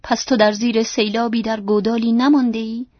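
A woman voicing a brooding, yearning blind middle-aged gentleman, earnest and pleading, in a dry, dull lo-fi recording. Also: on the high side, flat delivery, no echo, close to an everyday voice. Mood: disbelieving.

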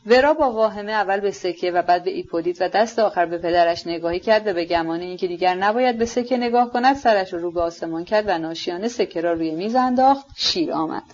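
A woman narrating a classic novel in a steady, measured storytelling voice. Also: fairly low pitch, highs cut off. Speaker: audiobook narrator.

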